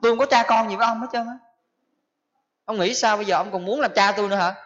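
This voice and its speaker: A man's voice: high-pitched, quick pace, a bit bright. A man voicing a resentful dead son who accuses his father with bitter questions, on a dull lo-fi recording. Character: resentful son come back for revenge.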